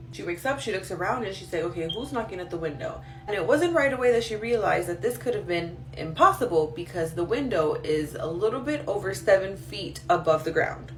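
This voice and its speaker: A woman host telling spooky stories for social media, conversational with dramatic emphasis. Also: on the low side. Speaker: storyteller host reading follower-sent stories. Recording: roomy echo, distant mic, faint noise.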